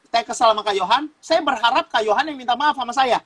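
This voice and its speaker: A man's voice: extremely high pitch, quick pace, fairly bright tone, low-quality recording. A man from Sumatra teaching in a casual talk show, explaining like a preacher, repeating phrases and laughing as he goes. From Sumatra, Indonesia. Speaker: guest youth speaker.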